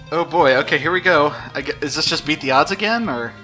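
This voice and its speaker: Bright, higher-pitched man at game night. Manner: sweary, informal. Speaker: tabletop game player. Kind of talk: casual game chat.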